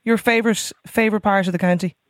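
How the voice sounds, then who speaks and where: A woman's voice: mid-range voice, fairly even intonation, fast talker, dry recording, studio quality. A woman with an Irish accent presenting a radio phone-in, reading out messages and chatting to guests. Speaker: radio host. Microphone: studio microphone.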